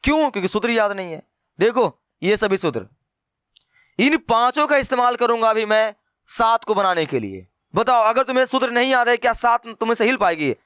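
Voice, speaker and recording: An extremely high-pitched male voice with lively intonation moves at a fairly quick clip, sounding slightly bright and smooth in clean, echo-free studio audio. In a playful classroom lecture on math, he teases his students, acts out what they'd say and calls viewers "brother."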